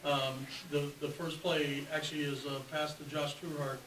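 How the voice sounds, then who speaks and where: Reporter guy asking questions from across the room, flat voice, echoey and noisy. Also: fairly high pitch, far from the mic. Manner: halting, many "uh" fillers. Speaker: sports reporter. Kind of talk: press conference questions. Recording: noisy and roomy, from off-mic.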